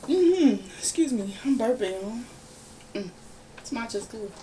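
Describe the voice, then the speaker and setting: A woman hosting a casual podcast, giving her opinions in a lively, ranting, conversational way. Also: medium pitch, measured pace. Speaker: podcast host. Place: home room, relaxed podcast setting. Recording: somewhat distant mic with faint background noise.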